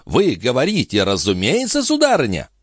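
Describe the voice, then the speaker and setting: A man's voice: fairly low pitch, sing-song, measured pace, fairly bright tone, no echo, clean studio sound, voice pushed up, exaggerated voice. A man voicing a flustered, resentful middle-aged police chief who stammers and pleads, in an audiobook. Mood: indignant. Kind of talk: audiobook character voice.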